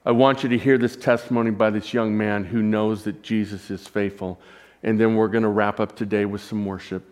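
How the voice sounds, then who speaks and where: Male pastor, relaxed address to an online congregation, light humor. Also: on the low side, a little fast. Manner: informal, joking aside to home viewers. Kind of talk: sermon.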